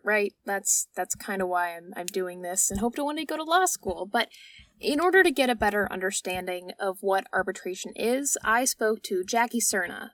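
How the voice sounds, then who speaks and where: A woman's voice: medium pitch, fairly bright tone, no echo. A young woman narrates an explanatory podcast in a conversational, informal tone. The sound is very dry, as if in a small closet, and a little away from the mic. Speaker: podcast host. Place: small clothes closet at home, indoors. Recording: close, dry home closet recording, slightly distant.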